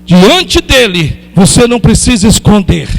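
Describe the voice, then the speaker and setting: A man preaching an impassioned sermon as pastor, fervent and rising to loud exclamations. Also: sits high, very animated, a little slow, gravelly.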